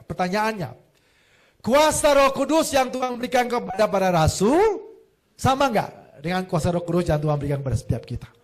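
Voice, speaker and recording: High-voiced preacher swinging loud to soft. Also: male voice. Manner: lively storytelling with jokes and acted quotes; wide swings between loud emphasis and soft asides. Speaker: pastor. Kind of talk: sermon.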